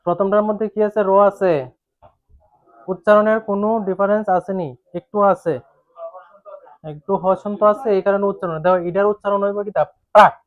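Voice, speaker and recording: A man's voice: high voice, steady tone, a little fast, pauses often, no room sound. A man, teaching a grammar class, repeatedly asking students questions and coaxing answers. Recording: dull dry classroom recording.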